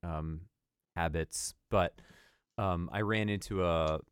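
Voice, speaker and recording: Low, smooth-voiced male co-host, relaxed and hesitant, close dry mic. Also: slow pace, no room sound. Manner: easygoing, hesitant with fillers. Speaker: podcast co-host. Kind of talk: casual chat.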